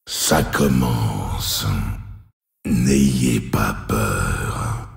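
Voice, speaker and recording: An actor playing a cruel, mocking male demon lord in a video game, with a deep gravelly growl and a slow, menacing, taunting delivery. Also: fairly bright tone, heavily acted. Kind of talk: French video game dub voice lines. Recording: roomy game audio with echo.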